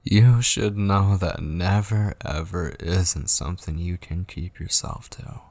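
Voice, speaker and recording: In an intimate ASMR roleplay, a man plays an obsessive, possessive kidnapper and coaxing lover in a full character voice that sits low with a darkish tone. Husky and breathy, he often drops to a whisper, slowly and insistently coaxing with possessive endearments. It's a scripted dramatic monologue on a close, dry studio mic.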